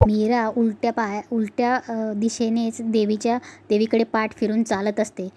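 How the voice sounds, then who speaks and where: A woman recaps a serial episode in a casual storytelling way, often stopping to restart her sentences. Her voice sits fairly high, but her melody stays flat. Her tone is mellow and a touch husky. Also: moderate pace. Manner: plain storytelling with frequent restarts. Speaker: narrator.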